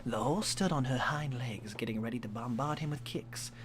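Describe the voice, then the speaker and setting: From a home streaming setup, a young man with a medium-pitched voice reads a fan story aloud at normal speed, hamming it up with swearing and laughing asides for comic, dramatic effect. There is noise in the background.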